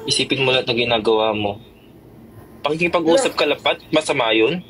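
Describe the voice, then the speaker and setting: A man's voice: mid-range voice, fairly quick, a bit bright, slight background noise, poor audio. Defensive man chatting on a livestream. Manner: defensive, repeatedly insisting he is not angry. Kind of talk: casual livestream chat.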